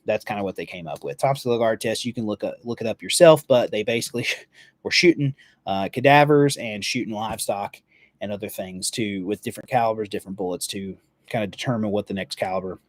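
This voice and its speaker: A man's voice: lowish voice, a little fast, no room sound. A man hosting a live firearms show, talking through gun history in a loose, rambling way, correcting himself and swearing casually.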